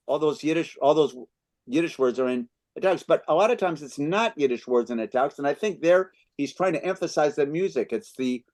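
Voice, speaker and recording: A man's voice: a little high, a little mellow. A man in his fifties from the United States, hosting a book club and answering questions thoughtfully, with frequent restarts. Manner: reads excerpts aloud. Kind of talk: literary discussion, answering questions.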